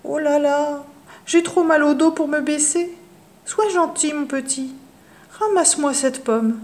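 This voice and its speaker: A woman's voice: unhurried, darkish tone. Woman voicing a sly old storybook witch. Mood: whining. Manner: wheedling and sly, then shrill and cursing. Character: cunning old female forest witch, sly and spiteful. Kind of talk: storybook character voice.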